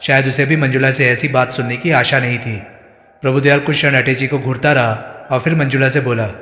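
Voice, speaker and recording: A man narrating a mystery novel audiobook in an even, steady storytelling manner. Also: mid-range voice, a little fast, echoey room, big-room sound.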